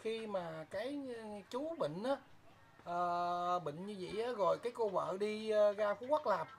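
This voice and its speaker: A woman's voice: medium pitch, animated, a little slow. A woman with a Southern Vietnamese accent interviews politely, asking questions and giving short affirmations. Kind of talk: field interview.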